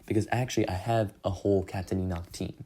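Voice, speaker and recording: A young man talks through his mobile game progress in a loose, rambling recap. His voice sits low and sounds mellow rather than bright. He keeps filling gaps with "like" and "um" and is quick to laugh at his own mistakes. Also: fairly even intonation. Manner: rambling, self-deprecating, many fillers. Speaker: gaming channel host. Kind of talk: casual gameplay recap.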